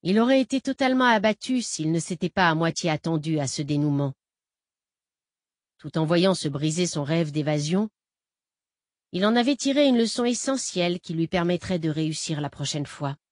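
A woman reading a novel aloud in steady, measured scripted narration. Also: on the low side, no room sound, studio quality. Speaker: audiobook narrator.

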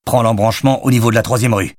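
A man reading an audiobook, voicing an exasperated, bossy father who scolds in a raised, brisk voice. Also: medium pitch, steady tone, no echo, studio quality, voice pushed up, natural voice.

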